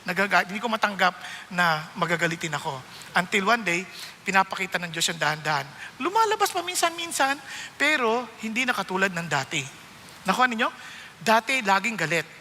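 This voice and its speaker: A Filipino man preaches with a high, sharply bright voice. He is animated and switches between Tagalog and English, often checking that his listeners follow. His voice rings with a long reverb in a church hall. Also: fairly quick, slight background noise. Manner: animated preaching mixing Tagalog and English, frequent "Nakuha niyo?" check-ins. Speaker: pastor. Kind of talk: sermon.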